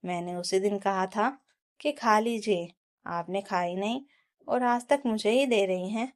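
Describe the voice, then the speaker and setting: A woman's voice: mid-range voice, measured pace, close to an everyday voice. A woman voicing a young put-upon daughter-in-law. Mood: angry. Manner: pleading, then standing her ground.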